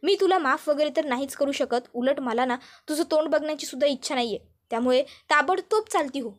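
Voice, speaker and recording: A woman's voice: sits high, a little fast, lightly acted. A woman doing a cold dismissive mother-in-law. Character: older mother-in-law rejecting a girl.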